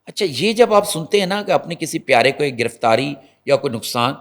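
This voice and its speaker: Animated male journalist telling a story. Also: on the high side. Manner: animated storyteller, acts out quotes; restarts and fillers, addresses viewers directly. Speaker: senior journalist guest. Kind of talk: conversational talk show commentary.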